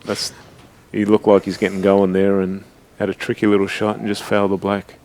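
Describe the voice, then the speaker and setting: A man's voice: lowish voice, completely flat delivery, brisk, a little mellow. A man from Australia commentating a snooker match live, easygoing and prompting his co-commentator.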